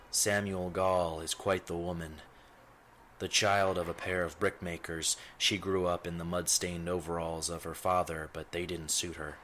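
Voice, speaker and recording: A man with a low voice plays a self-important, brooding ponderer, narrating his thoughts in scripted first person. The delivery is wordy and deadpan, with slight background noise.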